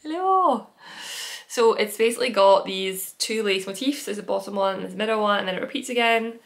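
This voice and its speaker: A woman's voice: medium pitch, fairly even intonation, quick pace, creaky. A woman hosting a knitting podcast, chatting casually as she shows her projects, rambling with fillers and self-corrections. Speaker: knitting podcast host and pattern designer. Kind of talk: casual chatty show-and-tell.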